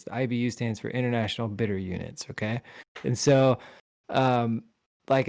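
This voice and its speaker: A man's voice: mid-range voice, a little mellow. A man co-hosting a casual podcast, explaining at length with lots of fillers. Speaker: podcast co-host. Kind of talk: casual chat.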